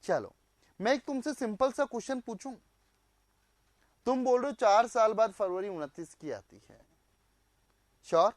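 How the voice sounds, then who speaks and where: A man's voice: high voice, a little slow, pauses often, dry recording. A male teacher running a live online class, quizzing students, repeating their answers back and mixing in English phrases.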